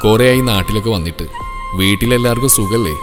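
Brief: caring elderly teacher, read by a man, gentle but firm, echoey with faint music. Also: lowish voice, fast, lightly acted. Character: kindly older retired woman teacher. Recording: reverberant audio with soft music.

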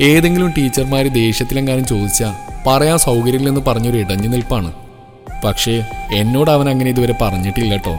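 A man's voice: mid-range voice, quick pace, close to an everyday voice. A man voicing a kindly old schoolteacher. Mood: caring. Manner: gentle, caring, firm when angered. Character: kindly older retired woman teacher. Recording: reverberant audio with soft music.

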